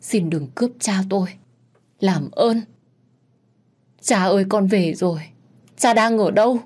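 A woman's voice: mid-range voice, a little slow, darkish tone, voice pushed up, lightly acted. A woman voicing a young woman who sobs and pleads in panic. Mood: grieving. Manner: crying, pleading cries.

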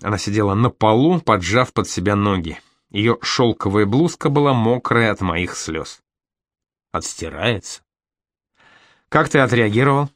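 A man narrating a first-person audiobook in a measured, grave manner. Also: lowish voice, expressive, no room sound, clean studio sound.

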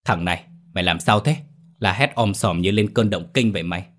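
A man voicing a gruff older village neighbor who scolds and mocks. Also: low voice, brisk. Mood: gruff scolding. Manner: brusque, scolding.

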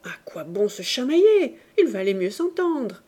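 A woman narrating an audiobook of a classic novel in a steady, expressive storytelling manner. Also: fairly high pitch, unhurried. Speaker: audiobook reader.

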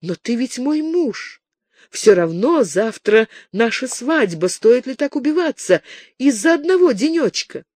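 A man voicing a tearful young noblewoman who pleads softly in an audiobook. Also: very high voice, very animated, a little slow, dry recording, studio quality, voice pushed up, heavily acted. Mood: pleading. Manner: soft, pleading, raised voice. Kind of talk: audiobook character voice.

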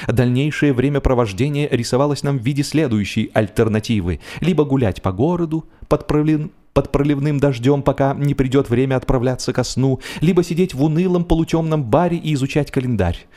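Reading a comic novel aloud, this male audiobook narrator uses a mellow, medium-pitched voice. He performs with theatrical deliberation, drawing out lines to heighten the drama.

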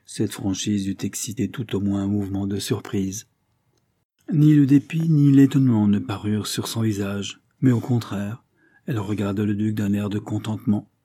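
A man reading a classic French novel aloud as an audiobook, in measured scripted narration. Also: lowish voice, fairly even intonation, warm tone, breathy edge. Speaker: audiobook reader.

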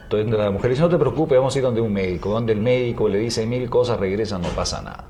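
A man who is a guest on a radio show, telling a joke haltingly with fillers and bursts of laughter. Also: fairly low pitch, dark tone. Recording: noisy radio broadcast.

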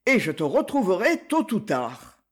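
A proud, hot-tempered chevalier barks orders in a lively, animated voice, as a male reader puts him on. His manner is commanding and menacing, a swashbuckling hero of an old storybook adventure. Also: sits high, normal speed, full character voice.

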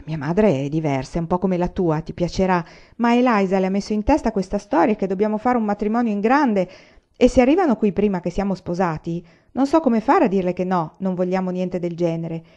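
A woman's voice: mid-range voice, fairly quick, dark tone, highs cut off, natural voice. A woman reading the part of an earnest young frontier man who pleads urgently and anxiously. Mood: insistent.

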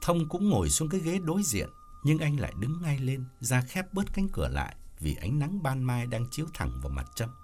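A male storyteller reading an audiobook with expressive delivery. His pitch rises and falls very freely around a middle register. Gentle music sits faintly behind his voice. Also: fairly quick. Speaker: narrator.

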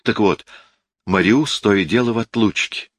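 A man's voice: fairly low pitch, normal speed, a bit bright, no room sound, clean studio sound. A man voicing a fussy, nosy elderly spinster aunt for an audiobook, with a raised, fretful tone. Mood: prying. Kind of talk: audiobook character voice.

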